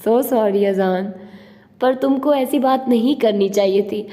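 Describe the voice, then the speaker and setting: A sharp-tongued young woman scolds and puts a man in his place, read by a woman narrator. The voice is slightly high and soft-edged. Reverb lingers behind it. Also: slow. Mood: indignant. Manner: scolding, indignant.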